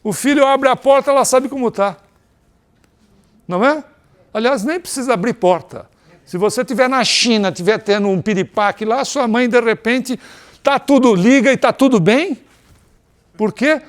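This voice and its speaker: A man's voice: very high voice, moderate pace. A man giving a spiritist lecture in a conversational way, asking rhetorical questions and often adding tag questions.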